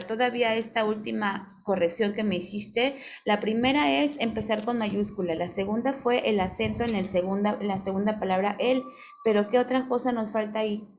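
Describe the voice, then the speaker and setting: A woman's voice: a little high, a little mellow. Female teacher with a Mexican accent on a video call, patient, keeps checking in with the class, faint hiss behind. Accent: Mexican Spanish. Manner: patient, checks in with "ok?" often, calls on students. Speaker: online course instructor. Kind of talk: live online class on spelling and punctuation.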